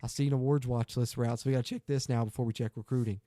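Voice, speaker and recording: A man's voice: mid-range voice, fairly even intonation, very fast, warm tone. A man streaming a football video game, chatting upbeat to viewers as he plays. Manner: chatty, upbeat, talks to viewers while playing. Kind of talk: casual gaming livestream commentary.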